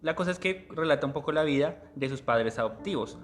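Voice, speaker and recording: Man presenting a book, hesitant and self-correcting, mid-high voice, library talk. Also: lively intonation, fairly quick. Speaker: literary presenter. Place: public library.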